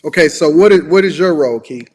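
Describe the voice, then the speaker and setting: A man's voice: a little high, animated, fast talker, a little mellow, breathy edge. An American man hosting a call-in show, questioning his caller in a probing, persistent way and often cutting in.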